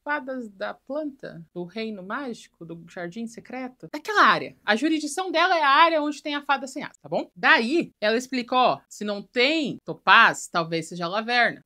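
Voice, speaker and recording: A young woman hosting her own channel, recapping an animated film in a wry, joking way and acting out the characters' lines. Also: on the high side. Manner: wry, joking retelling with acted quotes. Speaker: channel host. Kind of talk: casual film recap commentary.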